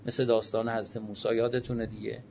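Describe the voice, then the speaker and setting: Male cleric, religious lecture, mid-pitched, slightly dull recording with faint hiss. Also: level tone, creaky. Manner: swings from emphatic raised phrases to quiet low asides, drawn-out sacred phrases. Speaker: Islamic cleric.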